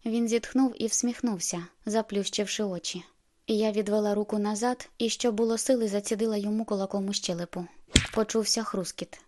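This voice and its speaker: A woman reading a novel aloud as first-person narrator, expressive and lively in the heroine's outbursts. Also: medium pitch, brisk. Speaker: audiobook narrator.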